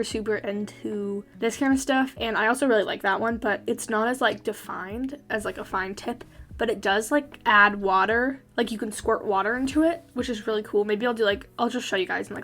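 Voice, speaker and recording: A woman's voice: on the high side, fairly quick, a bit bright. Breathless, chatty teen girl. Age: teens. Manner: chatty, constant "like" fillers. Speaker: vlogger. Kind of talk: casual voice-over narration.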